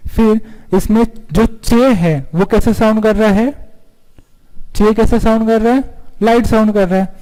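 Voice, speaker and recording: A man's voice: sits high, steady tone, measured pace, dark tone. A man teaching stenography in an online lesson. He asks the class questions, answers them himself, and draws out single letters. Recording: long hall reverb.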